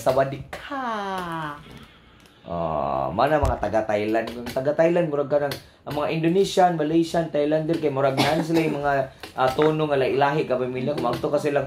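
A man's voice: medium pitch, fast talker, echoey room, noisy background. A man with a Cebuano Filipino accent hosting a casual radio show, playfully mimicking foreign accents and laughing often. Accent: Filipino, Cebuano-speaking. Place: radio studio.

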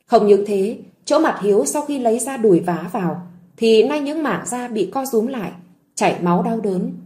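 A woman reading a drama story aloud in a gentle, emotive narration. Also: a little high, animated, moderate pace. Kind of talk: scripted audiobook narration.

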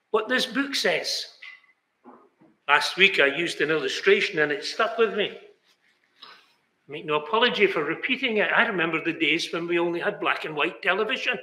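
An older man's high voice comes across pushed and bright as he preaches in a small chapel, banner behind him. He is earnest and emphatic, using both hands to gesture, and the chapel lends a roomy echo.

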